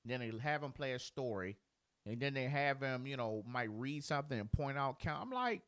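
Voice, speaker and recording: A man's voice: medium pitch, animated, normal speed, a bit bright, no echo. A man hosting a podcast in casual chat, blunt and profane, talking as a father of a preschooler. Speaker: podcast host.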